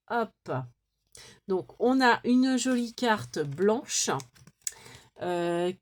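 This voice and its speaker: A woman vlogging as she opens crafting mail, chatting casually to viewers, gushing over each little item and thinking aloud. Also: mid-range voice. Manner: gushing, exclaims over small things.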